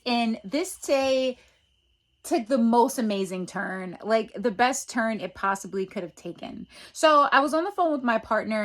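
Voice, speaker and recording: A woman chatting in a casual vlog, excitable and full of casual slang. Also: medium pitch. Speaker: reptile keeper vlogger. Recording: noisy background ambience.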